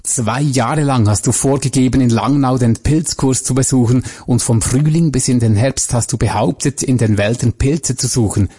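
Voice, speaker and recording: A betrayed wife, cold and vengeful, pressing each word out through her teeth, as a man reads her lines. The voice is dark and husky. It belongs to a spoken crime story. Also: mid-range voice, normal speed, few pauses, close to an everyday voice. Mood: accusing.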